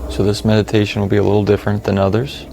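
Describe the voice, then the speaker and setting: This time the gravelly meditation guide sits a bit lower in pitch, with slight background noise behind him. He stays calm and relaxed, talking in simple, casual language broken by long silences.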